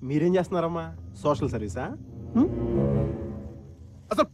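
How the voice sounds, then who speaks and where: A cocky, teasing young rebel. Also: male voice, a little high, big pitch swings, normal speed, music in the background. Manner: argumentative and teasing, with dry quips. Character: sharp-tongued young rebel fighter, cocky and argumentative.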